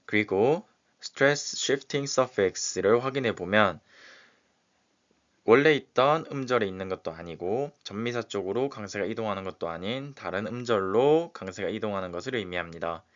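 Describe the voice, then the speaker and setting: A man teaching, who slowly and methodically explains exam questions one example at a time. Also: on the low side. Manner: slow and methodical, walking through examples step by step. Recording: dull, lo-fi recording.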